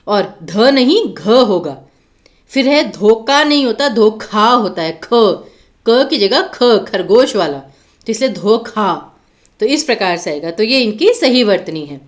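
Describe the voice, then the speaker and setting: A woman's voice: mid-range voice, animated, measured pace. A woman teacher giving an online grammar lecture for exam preparation, patiently explaining and asking the students rhetorical questions.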